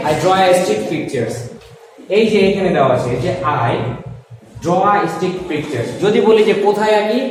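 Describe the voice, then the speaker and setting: A man with a Bangladeshi accent teaching a classroom lesson, explaining slowly and repeating phrases as he asks questions and answers them. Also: high voice, heavy reverb, in a large hall, distant mic, slight background noise, low-quality recording. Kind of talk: classroom lesson mixing Bengali and English.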